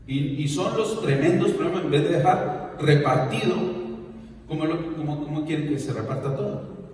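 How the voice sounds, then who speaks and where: A man preaching a lively sermon as pastor, mixing teaching with playful impressions. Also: on the high side, moderate pace, a little hiss or hum. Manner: emphatic preaching with playful impressions and stutter mimicry. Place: church hall. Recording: echoey hall, voice from far off.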